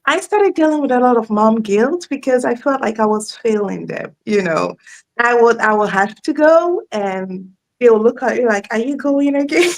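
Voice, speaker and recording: Woman, thirties, chatty interview guest, slightly high voice, gravelly. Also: rough recording. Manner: warm, chatty, laughs often. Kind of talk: live interview chat.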